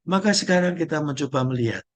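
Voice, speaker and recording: A middle-aged man, a Jesuit priest, giving a slow, gentle spiritual reflection with searching pauses. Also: fairly high pitch, expressive.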